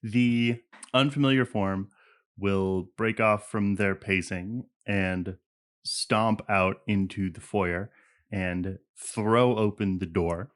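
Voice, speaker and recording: A man with a fairly low voice narrates as game master, describing scenes in a relaxed, unhurried way. He calls for dice rolls between stretches of description. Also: smooth.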